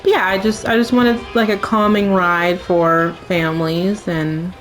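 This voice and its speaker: A woman with the hiccups chatting casually about her park build, halting and correcting herself. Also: on the low side, fairly even intonation, faint music behind, rough recording. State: has the hiccups. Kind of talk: casual chat over gameplay.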